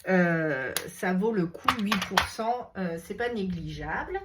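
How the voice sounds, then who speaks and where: A woman with a runny nose chatting casually while she shows a craft project, relaxed and talkative as she works. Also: medium pitch, takes it slowly, noisy background. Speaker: craft video host. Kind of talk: casual craft tutorial chat.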